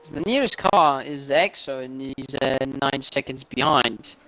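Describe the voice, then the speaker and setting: A man's voice: mid-range voice, unhurried, sharp tone, slight background noise. A man co-commentating a sim race, analytical and a little puzzled as he checks replays. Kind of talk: live sim racing commentary.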